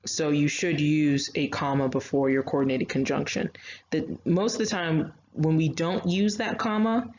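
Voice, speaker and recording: In an online writing lecture, a female teacher explains grammar one step at a time, adding chatty asides and fillers. She speaks at normal speed in a low, steady, darkish voice. Faint noise and a slightly dull lo-fi quality mark the recording.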